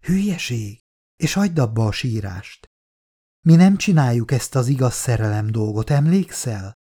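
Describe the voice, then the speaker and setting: A man's voice: mid-range voice, lively intonation. A man doing a frail, teasing dying young woman. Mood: insistent. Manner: soft, hoarse and teasing.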